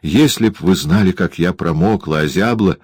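A man's voice: deep voice, moderate pace, darkish tone, breathy edge, no room sound. A man voicing a meek, frightened wife who pleads timidly in an audiobook. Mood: pleading. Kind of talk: audiobook character voice.

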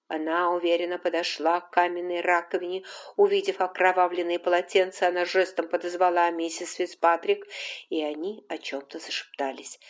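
A woman reading a novel aloud as an audiobook narrator, in a measured, calm storytelling manner. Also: on the low side. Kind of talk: scripted narration.

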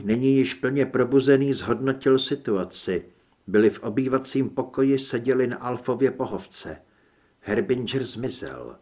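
A man reading an audiobook in a dramatic, varied way as the narrator. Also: medium pitch. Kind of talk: scripted narration.

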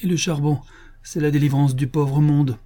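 Give me a man putting on a high, scolding old woman, sick and bitter, for an audiobook. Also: steady tone, moderate pace, warm tone, close to an everyday voice. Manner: shrill, scolding, lamenting. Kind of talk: audiobook reading.

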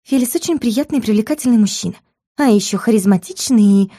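A woman's voice: on the high side, quick pace, warm tone, dry recording, natural voice. A woman reading an audiobook, voicing a bold, pert young female assistant. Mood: sulky. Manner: pert, sulky.

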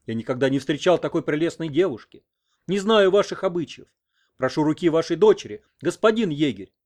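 A man's voice: fairly high pitch, lively intonation, brisk, a little mellow, voice pushed up, lightly acted. A man voicing a nervous young male interpreter relaying a marriage proposal. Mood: flustered.

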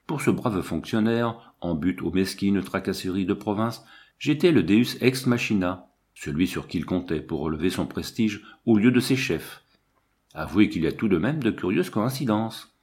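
A man's voice: deep voice, a little mellow. A man reading a first-person story aloud as an audiobook narrator. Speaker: audiobook reader.

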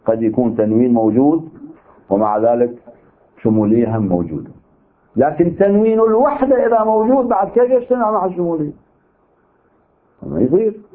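A man's voice: a little high, big pitch swings, brisk, pauses often. Man lecturing with an Iraqi accent, tinny sound. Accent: Iraqi Arabic. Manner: argumentative, poses rhetorical questions. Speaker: seminary teacher. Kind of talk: lecture on legal theory. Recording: tinny narrow-band recording.

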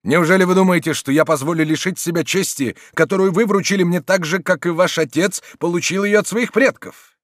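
A man's voice: high voice, fairly quick, no room sound, studio quality, voice pushed up, natural voice. A man voicing a proud, hot-headed young nobleman who speaks defiantly and heatedly.

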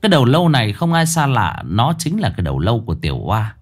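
Expressive male ghost-story narrator. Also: medium pitch, fast. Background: faint background music.

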